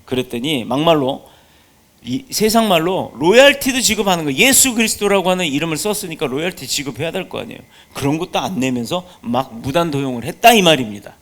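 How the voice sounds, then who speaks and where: Male pastor, sermon, high voice, emphatic, poses rhetorical questions. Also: big pitch swings, brisk, fairly bright tone.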